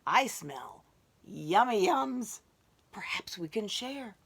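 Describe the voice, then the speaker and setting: A grinning, sociable storybook badger with a bright, inviting lilt, as a woman reads him aloud. The delivery is unhurried and lively in pitch, with a gravelly edge. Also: full character voice. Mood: cheerful. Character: friendly grinning badger, sharing snacks.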